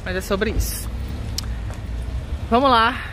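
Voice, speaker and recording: A man's voice: very high-pitched, slow pace. Chatty man vlogging through a face mask. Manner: chatty, excitable, addresses viewers. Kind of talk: casual vlog chat. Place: indoor shopping mall. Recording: mall ambience noise behind.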